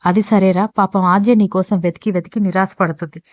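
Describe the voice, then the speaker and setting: A woman's voice: medium pitch, steady tone, a little fast, no echo, highs cut off, lightly acted. A woman voicing a grumbling, sleepy young man who complains about being dragged along.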